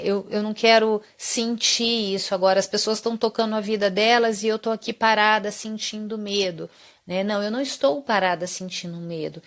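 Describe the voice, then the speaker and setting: A woman's voice: medium pitch, gravelly. A woman hosting a live psychology talk, explaining patiently and often checking in with the viewers. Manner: explanatory, often adds tag question 'né'. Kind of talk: live stream talk answering viewer comments.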